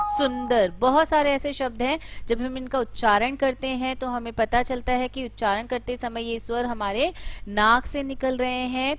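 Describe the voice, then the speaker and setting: A woman teaching letters, explaining step by step and drawing out each example word slowly and loudly. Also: a little high. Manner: drawn-out, loud example words. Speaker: Hindi teacher. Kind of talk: explanatory lesson.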